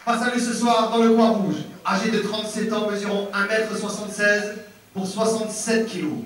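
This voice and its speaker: A man working as a ring announcer, giving showy, booming fight introductions with drawn-out, shouted names, like a fighting game announcer. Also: steady tone. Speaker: ring announcer at a kickboxing event. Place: indoor fight venue over PA system. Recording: very echoey arena PA, distant.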